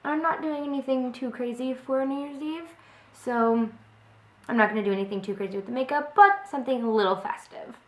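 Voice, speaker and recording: Doing a makeup tutorial, a young beauty vlogger chats casually and says um a lot, her high voice brisk but a bit off since she's slightly sick. She's filmed indoors on a webcam at close range, in her home kitchen by a window, with echoey room sound.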